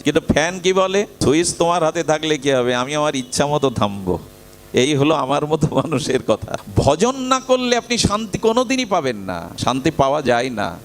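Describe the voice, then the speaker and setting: A man giving a devotional sermon, telling a story and putting questions to his listeners in an expressive preaching manner. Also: on the high side, slight background noise. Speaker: spiritual speaker.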